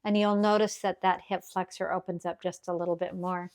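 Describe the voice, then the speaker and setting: A woman teaching yoga as a calm guided grounding exercise, gently and encouragingly instructing. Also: on the low side, a little fast.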